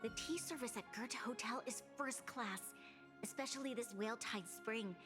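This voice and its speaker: A woman voicing a composed, formal, analytical young companion in a video game, speaking in measured, articulate phrases. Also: on the high side, lightly acted. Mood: calm. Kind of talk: English video game voice acting. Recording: music behind the voice.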